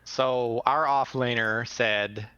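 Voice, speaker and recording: A man with a bright, forward voice talks through his team's choices in a relaxed post-match interview. He rambles a little and pokes fun at his own mistakes. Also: mid-range voice, slow, smooth, dry recording, highs cut off. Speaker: team player interviewed after match.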